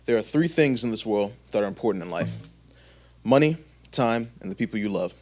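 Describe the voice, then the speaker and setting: Earnest man with a lowish voice. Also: expressive, a little fast, soft background music. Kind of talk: spoken monologue on stage.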